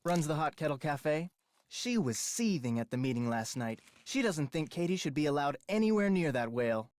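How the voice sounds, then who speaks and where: A man's voice: a little high, animated, normal speed, darkish tone, no room sound, lightly acted. A man voicing a chatty, offhand small-town character in a mystery game, passing along gossip in a matter-of-fact way. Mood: gossipy. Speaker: game townsperson. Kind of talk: game voice acting.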